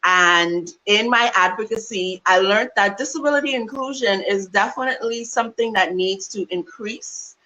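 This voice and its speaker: A Bahamian woman speaks as an interview guest, her voice bright and forward. She talks in a warm, upbeat and articulate way, heard over a video call. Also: mid-range voice, normal speed, few pauses, poor audio. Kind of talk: interview talk.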